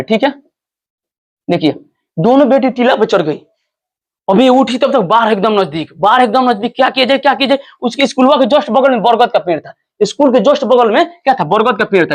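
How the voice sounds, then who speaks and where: A man teaching a story lesson in an animated way, checking understanding with repeated questions and acting out the characters' cries. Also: high-pitched. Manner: acts out characters' cries in quoted lines.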